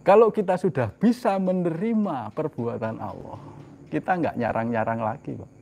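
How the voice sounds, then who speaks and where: A man preaching a sermon. He asks rhetorical questions and answers them himself, swinging from loud, emphatic lines to soft, low asides. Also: animated, normal speed, gravelly, slight background noise.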